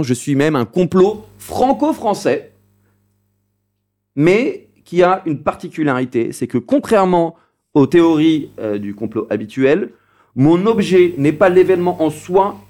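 Un homme qui anime un jeu radio, lisant les énigmes avec emphase théâtrale. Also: male voice, on the high side, mellow. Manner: theatrical, drawn-out riddle reading. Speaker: game show host. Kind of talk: radio quiz hosting.

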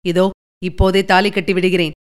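Woman voicing a dying young outlaw, gentle. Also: on the low side, normal speed, clean tone, voice pushed down, lightly acted. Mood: faint. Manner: faint, tender and calm.

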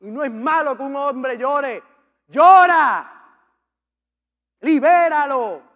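A man's voice: very high voice, animated, slow, fairly bright tone. A man preaching a sermon as a pastor, impassioned and repetitive as he urges the congregation on. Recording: long reverb of a large hall.

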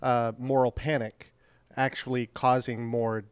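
A man's voice: mid-range voice, little pitch movement, clean tone, no echo, studio quality. A man in a casual podcast discussion, working through his points with care. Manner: thoughtful, builds points slowly. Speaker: podcast co-host.

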